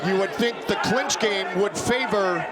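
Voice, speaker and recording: A man's voice: sits high, unhurried. A man hosting live fight coverage as play-by-play commentator, with an emphatic, polished broadcast delivery. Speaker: play-by-play host. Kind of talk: live sports commentary and interviewing. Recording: live broadcast with loud crowd noise.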